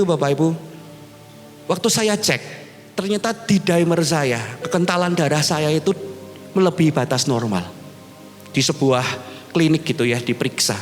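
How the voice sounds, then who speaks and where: A male pastor preaching a sermon to his congregation, animated and addressing them directly. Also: a little high. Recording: reverberant hall with music behind.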